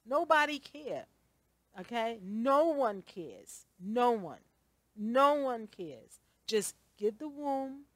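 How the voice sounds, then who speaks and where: A woman's voice: mid-range voice, no room sound. A woman vlogger talking in an emphatic, repetitive rant, often tagging her points with "okay?". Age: adult. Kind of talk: casual ranting commentary.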